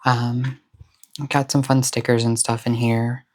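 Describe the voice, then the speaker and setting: Unhurried and with a flat delivery, a person with a mid-range voice hosts a cozy vlog about planners and stationery. They talk casually to camera, sounding soothing, relaxed, meandering, and supportive.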